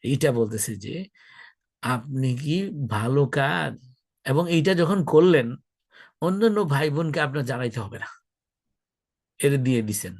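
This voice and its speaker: A man's voice: mid-range voice, animated, moderate pace, pauses often, no room sound. A middle-aged man gives a religious talk to an audience, chatty, asking them questions and drawing out key words. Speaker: Islamic lecturer.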